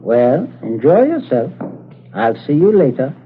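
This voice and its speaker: A fussy, genteel English gentleman. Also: medium pitch, very animated, measured pace, breathy edge. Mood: genial. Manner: fussy, chattering, nervous stammer. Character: genteel English householder, fussy and falsely cheerful. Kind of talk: 1940s radio acting. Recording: tinny old radio broadcast, faint hiss.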